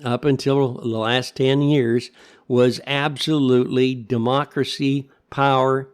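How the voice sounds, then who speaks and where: A man's voice: mid-range voice, a little mellow. An older man with an American accent rambles through a back-in-my-day political rant, opinionated and sardonic, throwing in rhetorical questions. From United States. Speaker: commentator. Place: kitchen at home.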